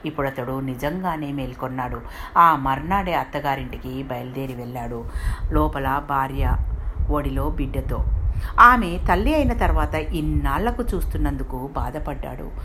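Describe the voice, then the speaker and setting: Woman reading a story out loud, low voice, faint noise behind. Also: moderate pace. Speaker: narrator. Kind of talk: storytelling narration.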